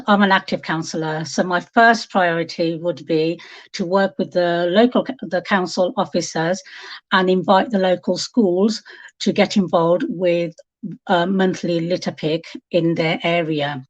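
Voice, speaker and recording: Earnest low-voiced woman guest. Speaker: guest, mayor. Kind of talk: interview answers. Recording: slightly muffled audio.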